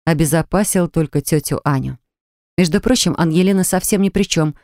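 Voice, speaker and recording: A woman narrating a novel chapter in an even, measured storytelling manner. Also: low voice, dry recording, clean studio sound. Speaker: audiobook narrator. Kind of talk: scripted narration.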